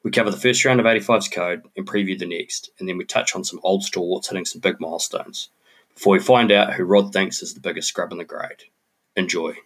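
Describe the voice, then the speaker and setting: A man co-hosting a podcast, reading the show intro in a brisk, upbeat way. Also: deep voice, steady tone. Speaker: podcast co-host. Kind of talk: scripted show intro and casual chat.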